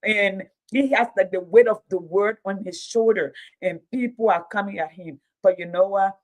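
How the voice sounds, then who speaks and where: A woman's voice: medium pitch, moderate pace. A woman in her fifties hosting a casual livestream, talking emphatically and repeating phrases for effect. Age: 50s. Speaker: livestream host. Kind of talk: casual livestream talk and commentary.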